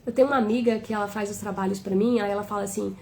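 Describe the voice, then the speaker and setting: A woman's voice: medium pitch, fairly even intonation, racing, gravelly, a little mellow, a little hiss or hum. A woman with a Brazilian Portuguese accent giving a tender, flowing spiritual talk on a live stream, often asking "né?".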